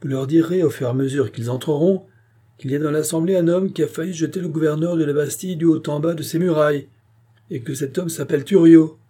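A man reading aloud voices a defiant male revolutionary deputy who shouts a boast, with a husky tone. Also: a little high, fairly even intonation, fast talker, voice pushed up, close to an everyday voice. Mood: boastful. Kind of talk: audiobook reading.

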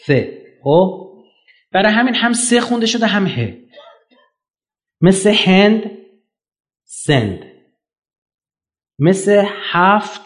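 Speaking to an audience in a lecture, a man is emphatic, his pitch rising and falling as he throws out rhetorical questions.

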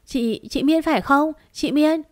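A woman's voice: high-pitched, moderate pace, darkish tone, no room sound, clean studio sound, pitched above the performer's own voice, lightly acted. Woman doing a clingy tearful young boy. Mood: tearful, eager.

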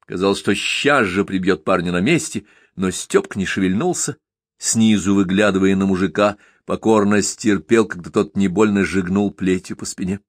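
A man narrating a historical novel as an audiobook in an even storytelling manner. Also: sits low, normal speed, no room sound, studio quality.

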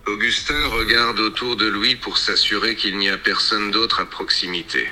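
Low, bright synthetic male game narrator. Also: steady tone, moderate pace, soft background music. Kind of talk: computer-read story narration.

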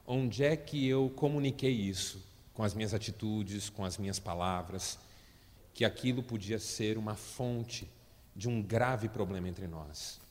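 A man's voice: on the low side, unhurried, big-room sound. A man with a Brazilian Portuguese accent, a motivational speaker telling stories to an audience with joking asides. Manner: lively storyteller with joking asides. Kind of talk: storytelling talk to an audience.

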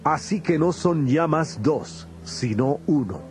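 An actor playing Jesus as a grave, patient teacher in a dramatized audio Bible, speaking in a solemn, measured way. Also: male voice, a little high, lively intonation, darkish tone, soft background music. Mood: solemn teaching. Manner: solemn, deliberate, measured delivery.

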